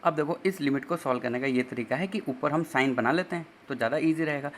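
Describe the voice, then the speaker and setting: A man's voice: fairly high pitch, fast, slight background noise. A man teaching exam-prep math, working through each step and asking his students rhetorical questions. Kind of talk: exam-prep math lecture in Hindi with English terms.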